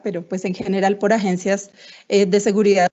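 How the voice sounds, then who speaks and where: A woman's warm, muffled voice breaking up over a choppy video call, her words cutting in and out as she presents formally and with measured pauses. The connection drops syllables and the sound is dull and low-fidelity. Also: flat delivery. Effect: choppy, breaking-up video call audio. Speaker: webinar presenter. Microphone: computer mic on a video call.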